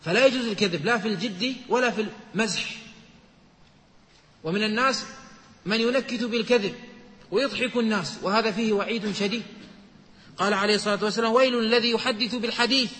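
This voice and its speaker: Guy teaching a religious lesson, high voice, big echoey hall. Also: sharp tone. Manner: measured teaching, quoting and explaining texts. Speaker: Islamic scholar. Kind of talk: religious lesson explaining hadith.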